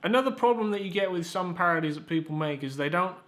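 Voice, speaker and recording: A man's voice: sits high, lively intonation, fast talker, over music. A young man hosting a comedic review, rambling and sarcastic, with stammered restarts and casual swearing. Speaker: YouTube reviewer, host. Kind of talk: casual comedic video commentary.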